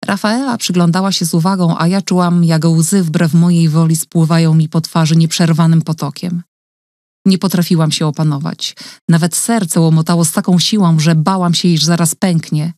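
A woman narrating a novel in the first person, quiet and measured, recorded in a radio studio. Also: on the low side, fairly even intonation, no room sound. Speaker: audiobook narrator.

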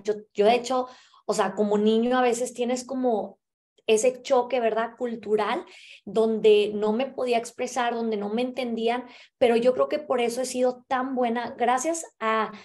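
A young woman from the US-Mexico border with a Mexican Spanish accent, telling her life story to the camera in an animated way, tagging her sentences with questions to the listener. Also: fairly high pitch. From US-Mexico border (El Paso, Texas). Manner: animated, gesturing with both hands, many filler tags like "¿verdad?". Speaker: motivational speaker. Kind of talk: personal story talk to camera. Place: small indoor room.

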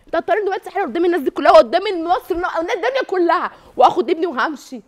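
A woman's voice: very high voice, expressive, rapid-fire. An Egyptian woman angrily confronting her husband, repeating her questions insistently. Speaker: wife on a TV show. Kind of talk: heated confrontation.

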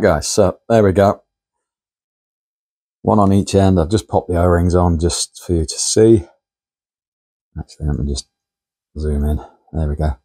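A man with a low, warm voice and a breathy edge hosts a model engineering workshop show, casually talking viewers through each step as he works at his machines. He's indoors in his home workshop, recorded by a camera on a tripod.

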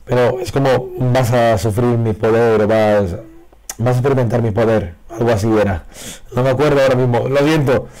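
Hoarse man opening card packs. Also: medium pitch, normal speed. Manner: excitable, reacts loudly to pulls. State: hoarse, losing his voice. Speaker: card game video creator. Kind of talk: casual pack-opening commentary. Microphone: faulty broken microphone.

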